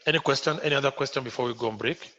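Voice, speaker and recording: A man's voice: mid-range voice, very fast, pushed and bright. A man with a Nigerian accent teaching a live online coding class, repeating himself and often checking whether students follow. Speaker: instructor. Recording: muffled lo-fi audio.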